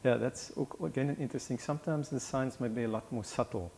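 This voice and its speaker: A man, a doctor guest on a studio talk show, explaining in a measured way. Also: medium pitch, vocal fry, darkish tone, slight background noise.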